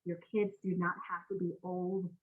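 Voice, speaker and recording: A woman's voice: on the low side, little pitch movement, normal speed, narrow, tinny audio. A woman guest giving earnest, encouraging advice in an interview, with frequent ums. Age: adult with children. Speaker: guest, single-parent coach. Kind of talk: interview conversation.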